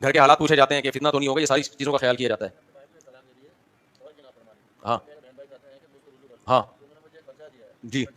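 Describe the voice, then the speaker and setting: A clear, resonant, fairly bright medium-pitched voice belongs to an Islamic scholar taking audience questions, speaking with fairly even intonation and long pauses. He lays out his answers patiently, checks listeners are keeping up, addresses them directly with rhetorical questions, and gives brief acknowledgements in between.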